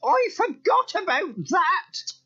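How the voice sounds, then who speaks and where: A man voicing a big, clumsy, forgetful old nanny hen in shrill falsetto for a cartoon audio story. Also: sing-song, slow pace, pushed and bright, heavily acted. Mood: flustered. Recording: muffled cassette transfer.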